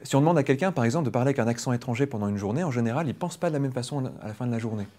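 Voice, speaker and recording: Fast-talking French hypnosis trainer. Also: male voice, mid-range voice, lively intonation, dark tone. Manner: quick, explanatory, playful, jokes with the audience. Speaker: hypnosis trainer leading a public demonstration. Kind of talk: lively teaching talk to a live audience. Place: training room with an audience.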